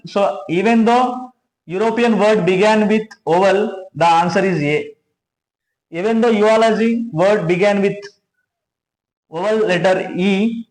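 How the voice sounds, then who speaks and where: A man teaching grammar, explaining step by step with many restarts and frequent checks of "right?". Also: high voice. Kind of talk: classroom grammar lesson. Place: classroom with a board. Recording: echoey room.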